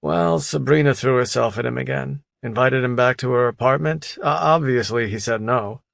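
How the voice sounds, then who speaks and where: A man's voice: mid-range voice, normal speed, creaky, a bit bright, dry recording. A man plays a blunt, outspoken male friend in an audiobook. He lectures and teases in a slightly lifted voice, recorded dry and close.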